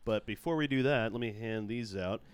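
A man's voice: fairly low pitch, moderate pace, smooth. A man hosting a casual podcast chat, joking, rambling and laughing often. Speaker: podcast host.

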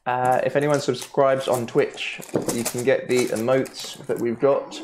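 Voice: mid-range voice, flat delivery, a little slow, background noise. A game master and stream host chatting casually while signing off a session. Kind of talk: casual livestream sign-off chat.

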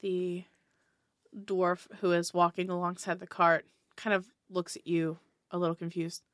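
A woman's voice: fairly low pitch, level tone, a little slow, no room sound, studio quality. A woman narrating a tabletop game as game master, casual and hesitant with fillers.

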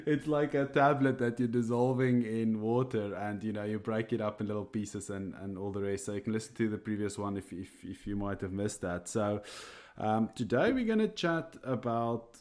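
Speaking English with an Afrikaans accent, his first language, a man co-hosting a podcast as a coffee roaster talks about coffee from his office over a remote call. His fairly low, slightly mellow voice halts and restarts, broken by small chuckles.

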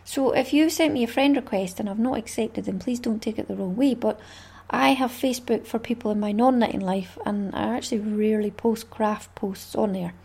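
A Scottish woman hosts her craft podcast alone, her voice a little husky and breathy. She sits fairly high in her range and rambles through her thoughts in a friendly, chatty flow, with small laughs here and there. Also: a little fast, few pauses, mellow. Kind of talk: casual solo podcast chat.

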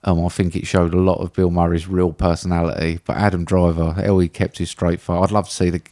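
A man's voice: low voice, flat delivery, a little fast, dark tone. A man co-hosting a casual film podcast, blunt and enthusiastic, swearing casually as he talks. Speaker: podcast co-host.

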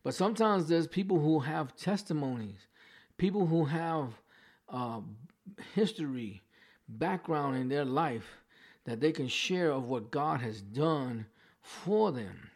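Speaking slowly and expressively with a slightly high voice and a New York accent, a preacher teaches a Bible passage in a loose, conversational style. He often restarts his phrases and checks in with "right?" and "you know," while a dog barks in the background at home.

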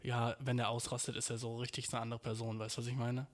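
A man's voice: mid-range voice, level tone, fast talker. A young man hosting his own podcast, venting in a rambling, slangy, swear-heavy way about his audio troubles. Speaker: podcast host. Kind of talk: casual solo podcast rant. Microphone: home podcast mic.

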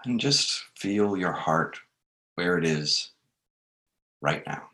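A man leading a guided meditation, speaking gently in short phrases with long unhurried pauses. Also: deep voice, lively intonation.

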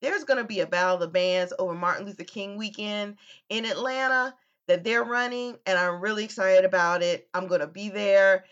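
A woman's voice: mid-range voice, a little fast, a bit bright. A woman from Virginia hosting a podcast, chatting casually and asking friendly questions. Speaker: podcast host. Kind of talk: casual interview chat. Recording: dull lo-fi audio.

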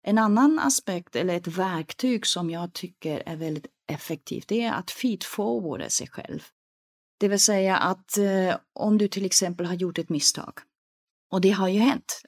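A woman's voice: medium pitch, darkish tone. A woman from East Germany, a guest expert in a podcast conversation, who talks with animation and acts out inner voices as she explains.

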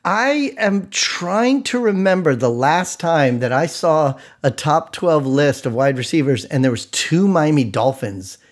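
A man's voice: fairly high pitch, expressive, a little slow, hardly any pauses. A man co-hosting a podcast in casual, conversational chat. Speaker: podcast co-host.

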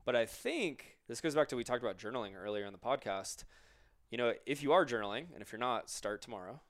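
A man co-hosts a podcast, talking casually and fast with lively intonation at a medium pitch. His tone is reflective and coaching-style as he gives advice and poses questions to listeners.

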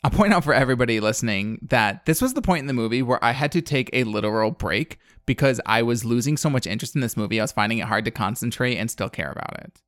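A man's voice: medium pitch, expressive, fast talker, few pauses, a bit bright, no echo, studio quality. A man in his thirties hosting a podcast, recapping a film in casual chat, blunt and sarcastic, with plenty of fillers. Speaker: podcast host.

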